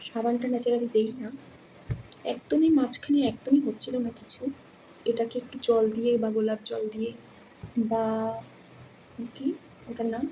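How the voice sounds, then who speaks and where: A woman chatting casually in a home vlog, rambling and speaking softly because others are asleep. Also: a little high, a little hiss or hum, low-quality recording. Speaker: vlogger.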